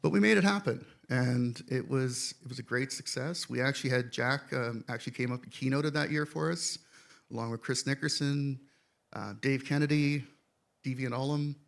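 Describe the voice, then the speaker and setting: A man with a gravelly, fry-laden voice speaks on a conference panel. He is relaxed and rambling, with a self-deprecating humor. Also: medium pitch, normal speed. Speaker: conference organizer. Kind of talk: live panel remarks. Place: conference stage, live audience.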